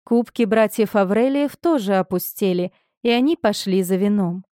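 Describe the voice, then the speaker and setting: A woman reading a novel aloud in a measured, expressive narration. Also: mid-range voice, no echo, studio quality. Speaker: audiobook narrator. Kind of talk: scripted audiobook narration.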